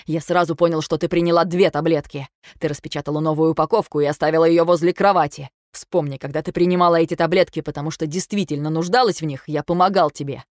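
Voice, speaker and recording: A woman's voice: deep voice, fairly even intonation, fast, few pauses, darkish tone, dry recording, clean studio sound, natural voice. A woman voicing a hurt, accusing husband. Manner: cold, reproachful, accusing. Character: hurt, angry young husband on the phone. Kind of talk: audiobook reading.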